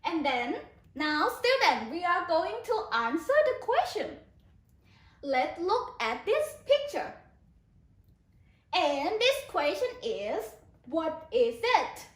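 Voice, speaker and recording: Hoarse Thai-accented woman, very high pitch, slow drawn-out sing-song, echoey room. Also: very animated, fairly bright tone. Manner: slow, sing-song prompting with repeated questions. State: hoarse, losing her voice. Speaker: kindergarten English teacher. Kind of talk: online children's lesson.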